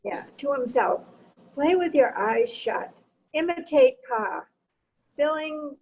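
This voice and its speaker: A woman in a class reading a novel aloud slowly and carefully, with a gravelly, breathy voice. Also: a little high, darkish tone, low-quality recording.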